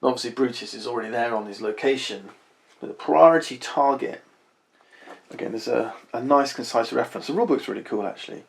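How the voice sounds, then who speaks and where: A man with a gravelly, creaky edge in a middle-pitched voice walks through a board game's rules in a relaxed playthrough. He thinks aloud as he goes, checking each rule before he moves on. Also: fairly quick. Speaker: board game reviewer. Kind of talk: casual board game playthrough.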